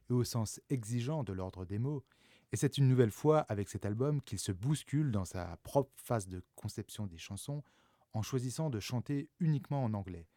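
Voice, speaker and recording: Male radio host, dark and mellow, dry close-mic studio sound, measured scripted delivery. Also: on the low side, no echo. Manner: reads a book excerpt aloud in a measured voice. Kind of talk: scripted radio culture segment.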